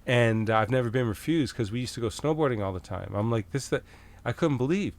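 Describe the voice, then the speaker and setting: A middle-aged Canadian man telling a story as a podcast guest, casual and animated, swearing freely and acting out the back-and-forth. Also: medium pitch, brisk. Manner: animated, swears freely, acts out quoted exchanges.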